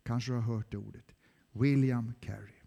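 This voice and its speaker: A man preaching a sermon in a church, swinging between loud cries and hushed whispers. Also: medium pitch, fairly even intonation, vocal fry, in a large hall. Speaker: pastor.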